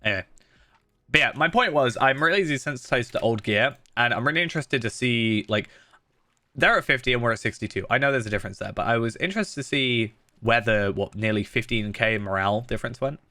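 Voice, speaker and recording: Chatty and thinking out loud with frequent fillers and restarts, a man narrates his gameplay on a live stream, his blocked nose lending a slight nasal tinge. The mid-range voice moves a little fast and sounds pushed and bright in a dry recording.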